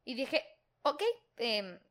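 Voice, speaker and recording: A young woman with a Mexican accent tells crude anecdotes in a high, bright voice. She talks in slang, laughs often and acts out other people in quick bits of dialogue. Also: lively intonation. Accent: Mexican Spanish. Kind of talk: casual storytelling chat.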